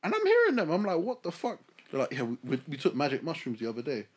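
Male podcast host, urban London roadman accent, husky edge, slangy and sweary casual storyteller. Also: on the high side, huge pitch swings, fast. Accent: London, urban street. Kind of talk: casual group chat with street slang.

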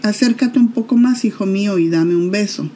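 An aged, grave father from a storybook Bible tale, put on by a woman narrator. Mellow and unhurried, with a solemn, measured way of speaking. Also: medium pitch, a little hiss or hum, lightly acted. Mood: gentle.

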